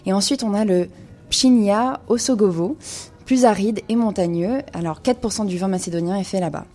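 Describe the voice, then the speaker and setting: A woman's voice: mid-range voice, moderate pace, warm tone. A woman giving a radio wine segment, explaining in an informative way with frequent hesitations. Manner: informative, many hesitations with euh. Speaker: wine columnist.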